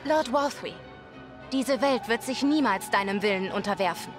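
An actress playing a steadfast young fantasy heroine in a video game, speaking with solemn, earnest resolve. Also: female voice, on the high side, moderate pace, over music, natural voice. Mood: earnest, defiant. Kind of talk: dramatic video game acting.

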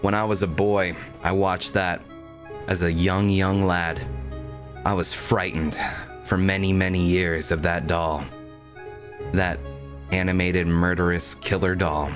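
Low and level, a young streamer's voice drifts along unhurriedly, with long pauses, as he rambles through stories laced with swearing during casual gameplay chat. Game music sits in the background.

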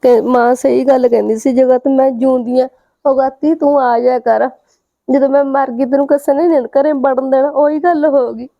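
A woman playing a gentle married sister who speaks mildly and plaintively. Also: high-pitched, steady tone, moderate pace, creaky, muffled recording. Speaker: married sister visiting her brother.

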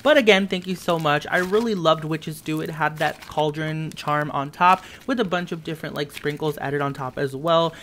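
A man's voice: on the high side, moderate pace, few pauses, fairly bright tone, a little hiss or hum. Gushing young man reviewing slime. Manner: enthusiastic, gushing, upbeat. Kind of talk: casual review voice-over. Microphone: voice-over over tabletop footage.

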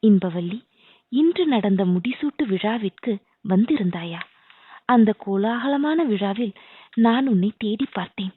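A woman's voice: medium pitch, expressive, measured pace, a little hiss or hum, natural voice. A woman reading the part of a newly crowned young king, speaking earnestly and tenderly to his beloved. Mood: warm, eager. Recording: dry, tinny phone-like sound.

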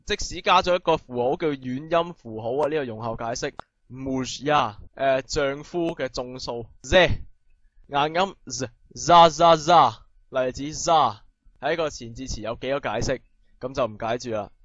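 A man teaching a pronunciation lesson, explaining briskly and then drilling sounds slowly and loudly. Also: mid-range voice, dry recording, lo-fi sound. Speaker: language teacher.

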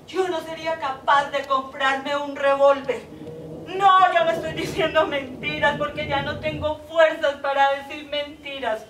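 Brief: actress playing a desperate jilted woman on a phone call, high voice, stage echo heard from afar. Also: fairly even intonation, unhurried, a bit bright. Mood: incredulous. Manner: emotional, swings between tender pleading and desperate outbursts. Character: heartbroken woman pleading with her departing lover by phone. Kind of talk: stage monologue acting. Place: theater stage. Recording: echoey stage from far off, audible noise.

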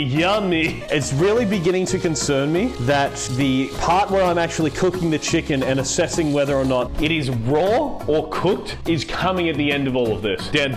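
Tipsy, sweary man, very animated. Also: on the high side. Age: young adult. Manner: tipsy, rambling and giggly; sweary, exclamatory. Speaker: host of a comedy cooking video. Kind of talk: casual chat to camera while cooking. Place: home kitchen. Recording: music playing behind the voice.

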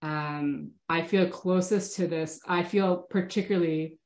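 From her home study, a woman rabbi in her thirties gives a relaxed online lecture via laptop webcam, answering questions that come in through the chat. A cold makes her stuffy and sniffly, and her lowish voice holds a steady tone at a slightly slow pace. She often restarts her sentences but remains thoughtful and warmly engaged, with roomy-sounding audio.

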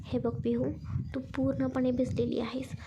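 A woman voicing a patient, caring young man who coaxes and gently scolds. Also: sits high, completely flat delivery, moderate pace, background noise. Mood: coaxing.

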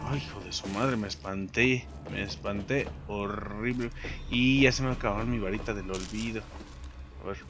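A young man with a Mexican accent commenting on his own gameplay, excitable, swearing and yelping when startled. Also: on the low side, moderate pace, over music. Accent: Mexican Spanish. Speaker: gaming commentator. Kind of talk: let's play commentary.

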